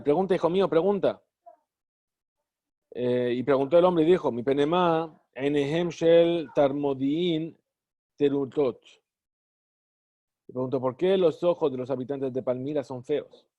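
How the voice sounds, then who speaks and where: A man teaching a class, reading phrases of a text slowly and translating each one. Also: fairly high pitch, dark tone. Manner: reads Hebrew phrases slowly, then translates. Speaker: Talmud teacher. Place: study hall. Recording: dull lo-fi recording.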